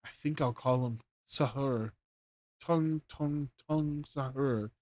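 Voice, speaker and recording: A man's voice: mid-range voice, slow pace, a little mellow, lightly acted. A man playing an older, easily frightened woodcarver who talks to himself nervously. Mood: musing. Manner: trembling, nervous self-talk.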